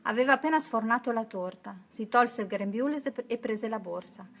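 Female storybook narrator, slightly high voice, clear and expressive. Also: moderate pace. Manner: expressive, even-paced storytelling. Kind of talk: children's story read-aloud.

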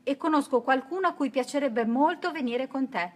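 A woman's voice: sits high, a little fast, pitched above the performer's own voice, close to an everyday voice. A woman voicing a mother in a children's story, firm and scolding with her son. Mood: warm. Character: stern but loving mother.

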